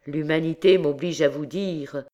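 A woman reading an audiobook voices a calm, coldly polite male prosecutor who speaks slowly. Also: deep voice, music in the background. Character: mild, unflappable older male royal prosecutor.

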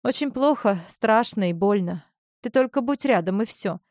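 A woman's voice: on the high side, animated, moderate pace, darkish tone, dry recording, clean studio sound, lightly acted. A woman voicing a manipulative young woman who pretends to be helpless, speaking in a plaintive, pleading way. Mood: tearful pleading.

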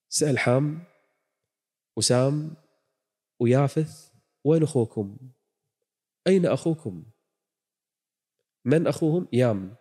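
Dramatic preacher, echoing hall. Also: male voice, mid-range voice, breathy edge. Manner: dramatic, swings from hushed to near-shouted pleading. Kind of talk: dramatic religious storytelling. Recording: long hall reverb.

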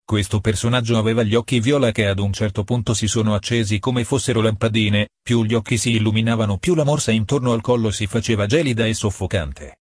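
A man reading a novel aloud as narrator, in a steady, measured way. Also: on the low side, breathy edge, no room sound, clean studio sound. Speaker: audiobook narrator. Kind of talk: scripted narration.

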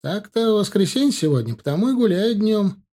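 A brash peasant boy, boastful and eager, with a raised, chattering, folksy voice, as a male audiobook reader puts him on. The boy sounds loud and pushy, with a slight huskiness in his tone. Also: high voice, animated, a little fast, pitched above the performer's own voice. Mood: chatty.

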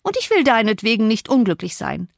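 A woman reading an audiobook, voicing a willful, hot-tempered young woman who speaks in a shrill, raised, imperious voice. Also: sing-song, fairly quick, vocal fry, no room sound, studio quality. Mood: pleading.

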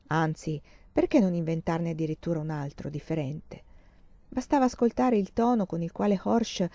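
Brief: a woman audiobook reader, measured and expressive, lowish voice, dry close recording. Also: no echo, lo-fi sound. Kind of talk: literary audiobook narration.

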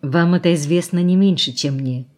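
Woman voicing a quiet, bitter young man. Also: on the low side, normal speed, close to an everyday voice. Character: young man, gentle and reproachful.

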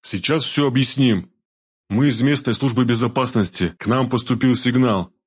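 A man voicing a slow, coaxing male interrogator. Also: mid-range voice, breathy edge, lightly acted. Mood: soothing. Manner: slow, mock-soothing. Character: male security man, coaxing then threatening.

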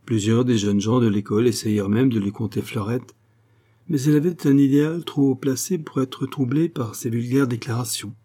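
A man narrating a classic novel as an audiobook, in a measured, expressive reading. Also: medium pitch.

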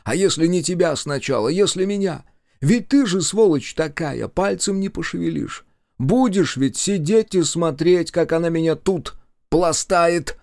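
Brief: man playing a scared, spiteful stranger, hoarse and taunting, higher voice. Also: lively intonation, normal speed, dry recording, clean studio sound. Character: spiteful frightened stranger in a dream.

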